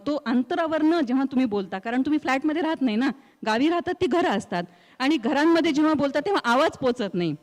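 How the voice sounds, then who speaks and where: A middle-aged woman with a rural Marathwada Marathi accent, telling her story as an interview guest in an expressive way that acts out the voices she quotes. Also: sits high, big-room sound. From Marathwada, India. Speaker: guest, news reader and anchor.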